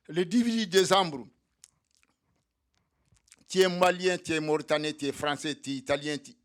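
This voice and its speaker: A man's voice: high voice, fairly bright tone. A man giving a militant speech to comrades at a solidarity evening, speaking for undocumented migrants and repeating his points to rally the room. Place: meeting hall.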